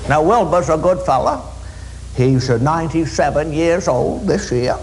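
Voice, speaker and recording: A man's voice: fairly high pitch, moderate pace, a little hiss or hum, poor audio. Folksy man with a thick Maine accent. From Maine, USA. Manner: folksy, drawling, deadpan delivery. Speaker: humorist, storyteller. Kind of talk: live comic storytelling to an audience. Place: room in front of an audience.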